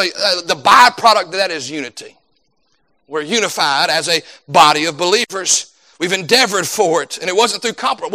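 A man's voice: high voice, bright, forceful tone. A middle-aged man preaching a sermon as pastor, building to emphatic bursts and laughing between points.

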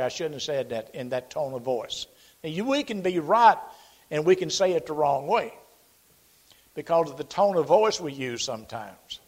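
A man in his forties preaching an earnest, folksy sermon, quoting scripture and telling plain stories. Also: on the high side. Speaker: pastor.

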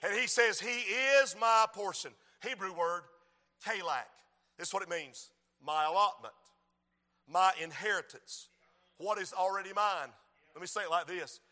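Casting: a man preaching in a big reverberant hall, high voice with a sharp edge, repeats his phrases, rises to shouts. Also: moderate pace. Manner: rhythmic repetition, swings from quiet to shouting. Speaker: preacher and school principal. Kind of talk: sermon.

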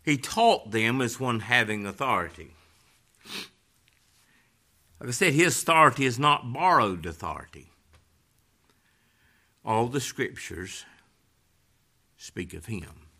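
A man preaching a sermon with a folksy delivery, moving from hushed passages to loud, emphatic ones. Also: mid-range voice, big pitch swings, slow, pauses often.

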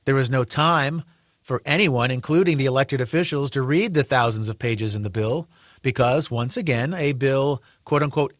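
A man's voice: medium pitch, fairly bright tone, dry recording. A male pastor giving a radio sermon commentary, with a sarcastic, dry-witted way of talking and quotes read aloud.

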